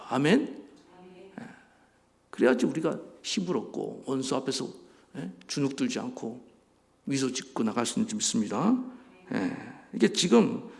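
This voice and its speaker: Animated male pastor preaching in a church hall. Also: a little high, vocal fry. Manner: animated, acts out voices, asks the congregation questions. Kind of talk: sermon. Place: church sanctuary.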